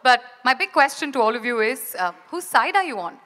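A woman's voice: a little high, sing-song, fairly quick, sharp tone. A woman with an Indian accent playfully hosting a live press event and putting questions to a panel on stage. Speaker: press conference host.

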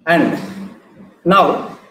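A middle-aged man with a South Indian accent, giving an informal dance lecture-demonstration, explaining in short phrases with pauses between them. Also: sharp tone. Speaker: classical dance teacher. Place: large bare indoor hall. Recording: echoey room, audible background noise.

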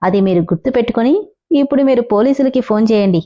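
A woman voicing a confident, scheming young man who talks in a calm, teasing way. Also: fairly high pitch, quick pace, muffled recording, lightly acted. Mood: cocky. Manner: calm, teasing, self-assured.

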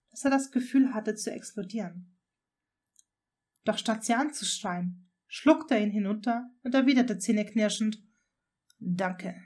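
Woman, fanfiction audiobook narration, expressive, fairly high voice. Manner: expressive storytelling, voicing each figure. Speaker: audiobook reader.

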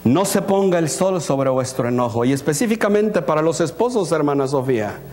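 A pastor preaching a sermon in a church, asking the congregation questions, acting out little scenes and slipping in English words. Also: male voice, fairly high pitch, fairly quick. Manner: animated, asks the congregation questions and acts out scenes. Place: church hall. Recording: long reverb of a church hall.

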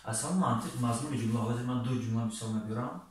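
A man teaching an online English lesson. He reads English sentences slowly and deliberately, then translates and explains them. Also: medium pitch. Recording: echoey room, voice far from mic.

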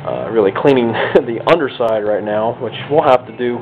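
A medium-pitched American man at a normal pace walks viewers through his radio restoration hobby in his own video, casually and without a script, poking fun at himself in a folksy way. The setting is an indoor home kitchen or dining room. Captured on a handheld camera's built-in mic, the audio is tinny and band-limited, with a little hiss or hum.

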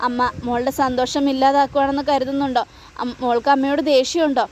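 Brief: woman voicing a worried mother consoling her daughter, high voice, gentle. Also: level tone, quick pace, a little hiss or hum, close to an everyday voice. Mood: imploring. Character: anxious loving mother of grown daughters.

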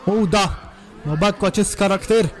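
A young man giving crude, excitable commentary on a racing game he is playing, with sudden shouts, into a desk microphone at home. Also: high voice. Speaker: gaming youtuber. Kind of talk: casual gameplay commentary. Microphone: desk USB microphone.

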